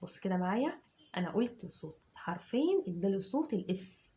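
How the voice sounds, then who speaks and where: An Egyptian woman teacher dictating words to children, patiently breaking them into drawn-out syllables and repeating them. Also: mid-range voice, big pitch swings, dark tone. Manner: slow, syllable by syllable, drawn-out sounds.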